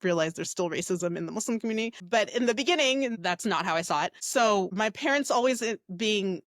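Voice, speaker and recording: A woman's voice: medium pitch, lively intonation, brisk, no room sound. Reflective woman in a dry room. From United States. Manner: reflective, with frequent fillers and tag questions. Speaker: guest, mindset coach. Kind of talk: casual interview talk.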